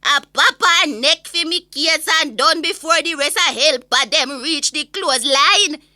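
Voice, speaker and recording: Casting: woman as opinionated Jamaican granny, high and very sharp voice, indignant gossipy comic monologue. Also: measured pace, dry recording, studio quality, exaggerated voice. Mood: exasperated, mocking. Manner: gossipy, exasperated, animated storytelling. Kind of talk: comic monologue rant in an audio story.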